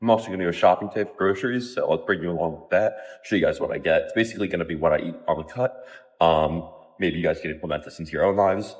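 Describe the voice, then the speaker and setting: A man's voice: sits low, quick pace, husky. A young man in college talking casually to the camera as a fitness vlogger, laid-back and rambling with lots of ums and likes. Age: young adult. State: slightly out of breath on a treadmill. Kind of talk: casual vlog chat.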